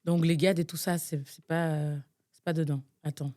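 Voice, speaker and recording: A young Nigerian podcast co-host has a deep, dark voice with little pitch movement, speaking at a moderate pace. Chatting casually during a guessing game, she thinks aloud with many fillers and becomes exasperated.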